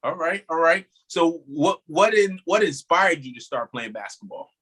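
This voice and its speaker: A man's voice: fairly high pitch, expressive, moderate pace, a bit bright, breathy edge, low-quality recording. A man hosting an interview show, asking questions in an easygoing way and often saying "all right" between them. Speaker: show host.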